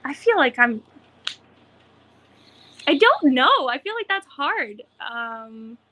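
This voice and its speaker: A woman's voice: high-pitched, very animated, slow pace, bright, forceful tone. A young woman being interviewed as a guest, giggly and rambling, with lots of fillers. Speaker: guest, racer. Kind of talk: casual interview.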